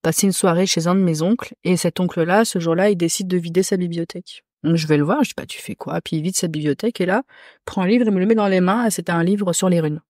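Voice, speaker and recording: A woman from Corsica, a podcast guest who reads runes, talking casually with many hesitant pauses. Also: lowish voice, warm tone, no echo, studio quality. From Corsica, France. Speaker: podcast guest, rune reader. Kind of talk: casual chat.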